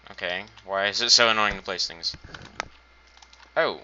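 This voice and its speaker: A gaming channel host with a fairly low, sharp-toned voice talks unhurriedly over his own gameplay, thinking aloud as he builds and tossing in dry, self-mocking asides. It's casual let's-play commentary, captured as a dull lo-fi home recording with slight background noise.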